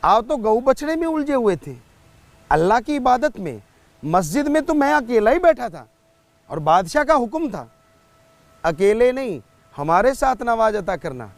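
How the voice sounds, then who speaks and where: A man plays a serene old saint who smiles and explains patiently. He speaks in a high voice at a slow, unhurried pace. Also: sing-song, no echo, exaggerated voice. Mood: explaining. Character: calm smiling male saint, gentle and wise.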